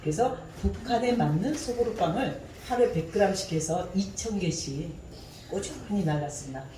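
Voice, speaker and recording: A woman's voice: medium pitch, lively intonation, moderate pace, dark tone, roomy sound, recorded from a distance, slight background noise, poor audio. A woman giving a personal testimony during a church service, telling her story vividly and often laughing.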